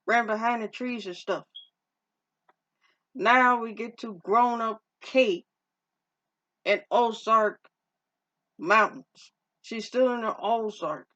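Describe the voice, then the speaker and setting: A woman's voice: on the high side, slow, long pauses, fairly bright tone. A woman casually recapping a movie's plot in a rambling, informal way, often restarting her sentences and using slang. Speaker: movie reviewer. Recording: dull lo-fi recording.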